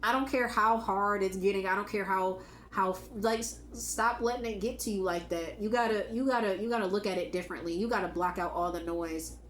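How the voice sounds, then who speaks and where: A woman whose voice is going hoarse gives an emphatic, casual spiritual pep talk to her viewers. She speaks, repeats her key lines and swears now and then. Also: medium pitch, brisk, roomy sound, slight background noise. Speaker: spiritual channel host.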